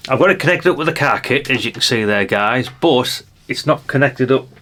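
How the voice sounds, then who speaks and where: An older man running a radio gadget review channel demos a product hands-on, casually and without a script, musing aloud as he goes. His mid-range voice is expressive and sharp-toned, moving at a fairly quick pace.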